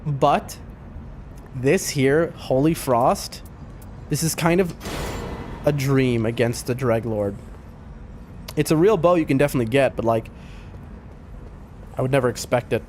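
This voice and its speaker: A man's voice: medium pitch, a little slow, long pauses, darkish tone, slight background noise. A man who sounds sick, giving casual live gaming commentary, thinking aloud in informal gamer slang. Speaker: video game streamer.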